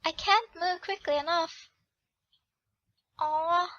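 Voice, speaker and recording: A woman narrates a romance visual novel aloud in the heroine's voice and stops to correct her own reading. Her voice is high and bright, and she speaks slowly. The recording is dry and slightly dull. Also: dry recording. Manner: reads the heroine's lines, corrects herself aloud. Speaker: channel host reading a game.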